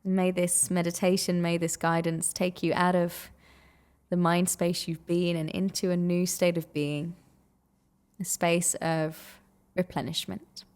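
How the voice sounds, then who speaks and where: A woman's clean-toned, lowish voice leads a guided meditation with flat delivery. She unhurriedly soothes the listener, letting long pauses settle between her words.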